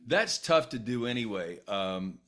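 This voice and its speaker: Talkative middle-aged podcast host. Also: male voice, fairly low pitch, big pitch swings, a little slow, crowd noise. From United States. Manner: talkative, jumps in with long follow-up questions. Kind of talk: casual interview.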